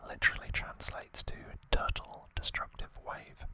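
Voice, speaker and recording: Whispering breathily without voicing, an ASMR host recaps trivia and adds informal asides in a halting manner. The whisper comes across bright and forceful.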